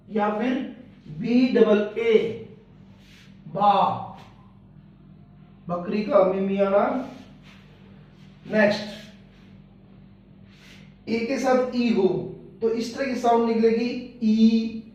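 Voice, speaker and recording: A man's voice: high voice, fairly even intonation, slow pace, long pauses, darkish tone. A male teacher giving a pronunciation lesson. He spells each word out letter by letter and then says it. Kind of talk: Hindi-medium English pronunciation lesson. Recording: echoey room, distant mic, dull lo-fi.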